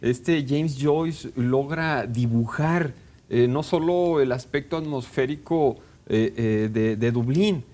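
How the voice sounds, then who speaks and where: A man talking in a casual literary discussion, halting and hesitant, with many fillers and restarts. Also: medium pitch, warm tone. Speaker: book discussion panelist.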